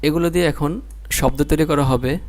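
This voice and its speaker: A man's voice: a little high, fairly even intonation, moderate pace, darkish tone. A man with a Bangladeshi Bengali accent teaching Quran reading, drilling syllables one by one and explaining patiently. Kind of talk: slow spelling-out lesson.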